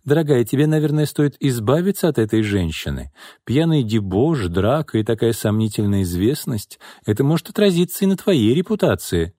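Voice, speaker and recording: A man's voice: mid-range voice, very animated, brisk, mellow, no room sound, studio quality. A male narrator voicing a gossipy female TV reporter who speaks in a sweetly insinuating, conspiratorial way. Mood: sly.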